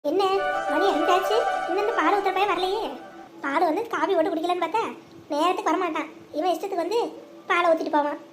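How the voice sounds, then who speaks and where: A high-voiced performer voicing a grumpy village housewife who nags and grumbles. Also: fast, long pauses, music in the background. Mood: grumbling. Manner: grumbling, nagging.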